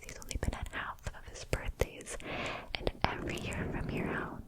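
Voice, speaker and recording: A woman whispering an ASMR ramble in a breathy, unvoiced voice, softly repeating words and moving between quick bursts and slow, drawn-out phrases. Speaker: ASMR video creator.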